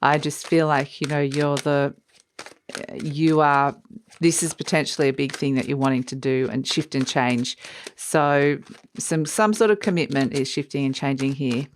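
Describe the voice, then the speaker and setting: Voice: mid-range voice, steady tone, normal speed, slight background noise. A tarot reader giving a casual, unscripted mystical horoscope reading, speaking conversationally and encouragingly straight to the listener.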